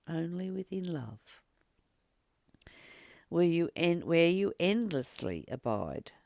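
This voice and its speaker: A spiritual teacher reads a text aloud and adds personal commentary in a reflective study session, speaking very slowly in a mid-pitched, darkish voice with lots of vocal fry. Earnest and thoughtful, he splits ideas into short, deliberate phrases. The recording is close and dry, with no echo.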